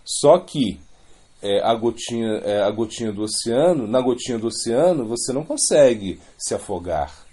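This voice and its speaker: A man's voice: mid-range voice, animated, normal speed, warm tone, husky. A man giving an informal religious lecture, rambling, repeating words and adding many questioning asides. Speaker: spiritual teacher.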